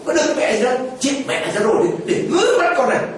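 A man putting on a high, jeering voice for a scolding wife who mocks her sick husband, in an echoey church. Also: sing-song, fast, a little hiss or hum. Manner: jeering, mocking. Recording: echoey church heard from far off.

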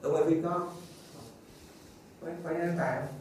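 High-voiced man preaching in an echoey hall. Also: normal speed. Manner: animated storytelling, chuckles often. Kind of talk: informal sermon with anecdotes. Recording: very echoey room, distant mic, faint noise.

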